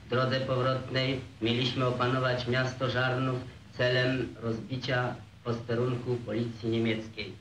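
Old newsreel man, flat monotone reading, far off mic, echoey room. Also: medium pitch, measured pace, hardly any pauses. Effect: old newsreel soundtrack. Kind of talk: read account in old newsreel. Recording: echoey, distant, noisy old film sound.

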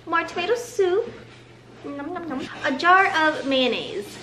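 Upbeat woman doing a grocery haul vlog at home, high voice, roomy sound. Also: animated, measured pace, bright, forceful tone. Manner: chatty, upbeat, lingers on some words. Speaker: vlogger. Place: living room at home, indoors. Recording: roomy home audio with background hiss.

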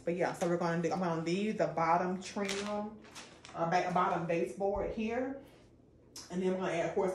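A woman's voice: on the low side, slight background noise. A woman doing a casual DIY how-to vlog, chatting and explaining each step while her voice echoes around a bare bedroom. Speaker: DIY vlogger. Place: bedroom with the bed moved away.

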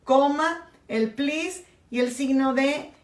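High-voiced woman teaching English grammar. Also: slow. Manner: explains step by step, switching between English and Spanish. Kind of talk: bilingual grammar lesson. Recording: echoey room.

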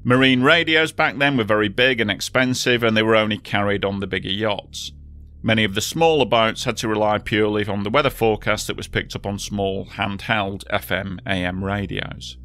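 A man narrating a history documentary in a steady, measured storytelling voice. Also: on the low side. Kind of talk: scripted narration.

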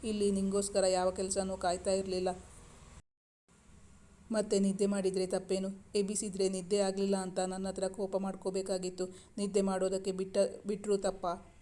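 A woman's voice: mid-range voice, completely flat delivery, normal speed, warm tone, close to an everyday voice. A woman reading the lines of an affectionate, teasing young husband in a storybook romance, in a coaxing, playful way.

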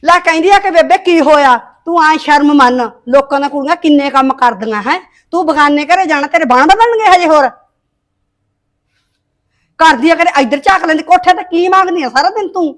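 A woman's voice: sits high, expressive, brisk. An actress playing a harsh, nagging stepmother in a village short film, speaking Punjabi with a Punjabi accent. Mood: scolding. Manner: nagging, scolding, sharp-tongued. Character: harsh scolding stepmother, middle-aged village woman.

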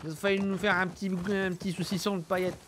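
A young man comments casually on a game he is streaming. His voice sits fairly high, and he is joking, excitable and easily startled, talking in slang. Faint game sound runs behind him. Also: fast, background noise. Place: indoor room at home.

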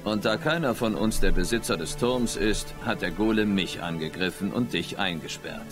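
An actor playing a dry, unimpressed monster hunter in a video game, laconic and deadpan. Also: male voice, on the low side, normal speed, over music, lightly acted. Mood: matter-of-fact.

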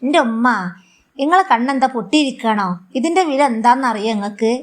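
A woman's voice: a little high, animated, a little fast, natural voice. A woman voicing a harsh, scolding young son in a Malabar Malayalam accent. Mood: angry. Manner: scolding, contemptuous.

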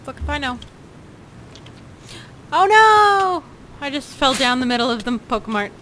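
A young woman with a fairly high voice, chatting bluntly and playfully during a game session. Clear background noise runs under her voice. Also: fast, a bit bright. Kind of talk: casual gaming chat. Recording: noisy background.

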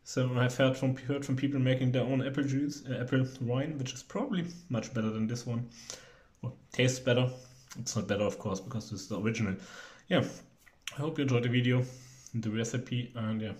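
A man's voice: medium pitch, a little fast, a little mellow, echoey room. A young man, chatting casually and hesitantly while trying food in a home cooking video. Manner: rambling, hesitant, joking. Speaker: cooking vlogger. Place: home kitchen.

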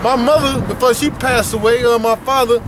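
A man's voice: very high-pitched, fairly even intonation, moderate pace. A man talking emphatically on a city street, profane, tagging "man" onto his lines. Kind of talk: casual street discussion. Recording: loud street traffic noise.

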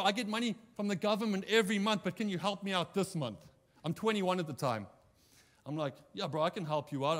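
Male preacher, high voice, animated storyteller, long church echo. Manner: animated anecdote-telling, acting out quoted dialogue. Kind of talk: sermon storytelling. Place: church hall.

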